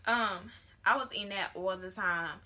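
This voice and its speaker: A young woman in her late teens tells a personal story to a camera set on a tripod at home. Her tone is bright and forward, and her delivery is loose and chatty, full of ums and likes. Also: medium pitch, normal speed. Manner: chatty and rambling, with many fillers. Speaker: vlogger. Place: at home, near her bedroom.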